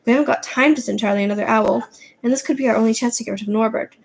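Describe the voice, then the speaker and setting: A woman's voice: a little high, rapid-fire, gravelly, slight background noise. Woman reading as Harry, a firm young wizard.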